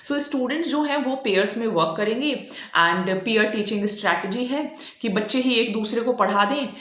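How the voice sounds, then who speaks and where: A woman's voice: on the high side, normal speed, fairly bright tone, reverberant. A woman teaching an online exam-prep lecture. She switches between Hindi and English and keeps checking in with "okay" as she explains.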